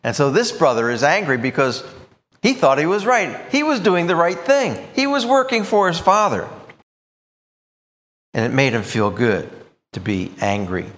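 Man, preacher, sermon, animated intonation, emphatic. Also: a little high, normal speed, long reverb tail. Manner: expressive, emphatic, with thoughtful asides.

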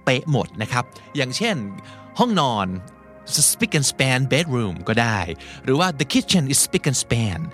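A Thai man hosting a vocabulary lesson, explaining words in a chatty, unhurried way and acting out example lines. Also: medium pitch, sing-song, fairly bright tone, faint music behind. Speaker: podcast host teaching English vocabulary. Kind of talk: casual teaching monologue.

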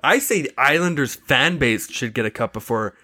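A man's voice: medium pitch, animated, normal speed, bright, forceful tone. A young man with an ordinary mid-range voice, talking hockey on a casual podcast. He is blunt and swears a lot, tossing in dry jokes. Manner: blunt, profane, joking. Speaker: podcast co-host. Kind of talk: casual sports podcast chat.

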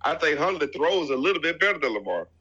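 A man with a congested voice co-hosting a casual sports debate podcast, measured and pausing to find his words. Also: on the high side, sing-song, sharp tone, breathy edge, highs cut off. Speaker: podcast co-host.

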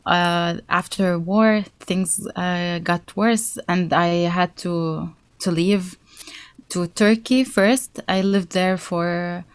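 A young Syrian woman, a guest from a band, answers interview questions haltingly, with many fillers and restarts. Her voice is lowish, and the recording is clean with no echo.

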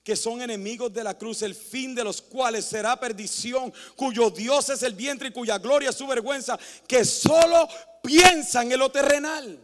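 A male pastor preaching a sermon, swinging from hushed near-whispers to loud, impassioned calls. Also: extremely high pitch, normal speed, few pauses, long reverb tail.

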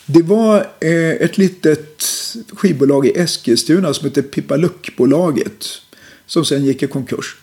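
Middle-aged male musician guest, gravelly and dark-toned, unhurried and reflective. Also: on the high side. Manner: relaxed, reflective storytelling with many fillers. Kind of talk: casual interview talk.

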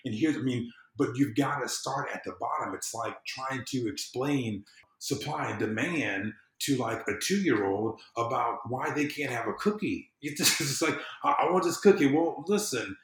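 A man from the southern United States chats casually as a podcast guest, working as a civic engagement consultant. His medium-pitched, expressive voice moves at a normal speed as he rambles, often repeats phrases, and explains things by acting out everyday examples. The interview sounds roomy and echoey.

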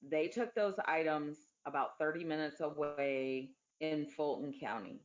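A woman being interviewed, giving an unscripted account in a plain, deliberate, factual way. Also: low voice, highs cut off.

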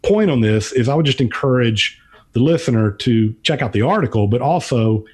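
A man giving unscripted podcast commentary, thinking aloud in a halting way with repeated words. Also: medium pitch, lively intonation, darkish tone, breathy edge. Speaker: podcast's featured financial commentator.

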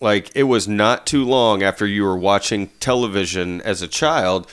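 A man's voice: fairly low pitch, normal speed, smooth. A man in his thirties co-hosting a casual chat show, rambling with plenty of fillers. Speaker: podcast co-host.

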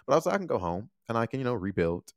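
A young man hosting his own podcast, talking straight to his listeners in a casual, animated monologue full of questions. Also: medium pitch, very fast, no room sound, clean studio sound. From United States. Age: young adult. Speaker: podcast host.

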